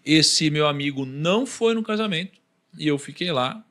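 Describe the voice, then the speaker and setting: A man's voice: fairly high pitch, moderate pace. A man with a Brazilian accent, a podcast guest telling a personal story and acting out what others said. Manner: animated, acts out the voices of others in his story.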